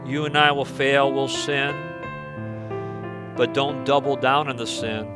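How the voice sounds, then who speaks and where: In a church sanctuary, a pastor at a pulpit microphone delivers a sermon and closing prayer in a mid-range, fairly even voice, unhurried, with music in the background. He's earnest and pleading, often repeating words as he leads the prayer.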